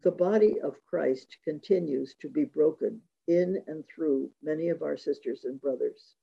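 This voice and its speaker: A man giving a reflective talk on religious devotion, measured and reading quotations aloud, in a dull lo-fi recording. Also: a little high, gravelly, husky. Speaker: speaker giving a talk on Eucharistic spirituality.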